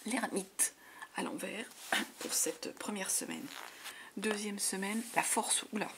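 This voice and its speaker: A woman giving a monthly tarot reading in a soft, half-whispered voice full of fillers, her voice giving out. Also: medium pitch, slow pace. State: voice giving out, clearing throat. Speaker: tarot reader. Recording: noisy home recording.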